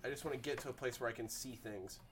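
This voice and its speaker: A man's voice: mid-range voice, fast, a bit bright, slight background noise. A man chatting casually as a player in a tabletop role-playing game.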